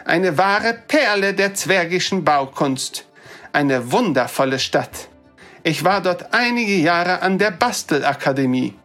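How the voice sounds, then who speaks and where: A jittery male dwarf toymaker, pitched high above the teller's own voice and full of fussy eagerness, as a narrator puts him on. He sputters his words with a courteous, old-fashioned manner, like a figure from a fairy-tale audiobook. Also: animated, unhurried, a bit bright, soft background music. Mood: eager.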